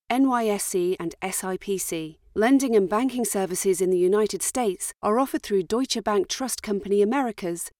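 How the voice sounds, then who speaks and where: A woman reads a scripted legal disclaimer in a formal, steady manner, like financial fine print. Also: medium pitch, dry recording, studio quality. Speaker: disclaimer reader.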